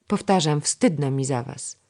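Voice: medium pitch, unhurried, creaky, darkish tone. A narrator voicing a strict, proper young lady-in-waiting who scolds her companions, in a historical storybook. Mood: scolding.

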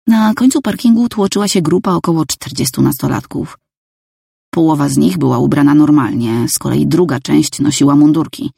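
Gravelly-voiced woman reading a novel. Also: low-pitched, moderate pace, mellow, no echo, studio quality. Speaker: audiobook narrator. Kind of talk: scripted first-person narration.

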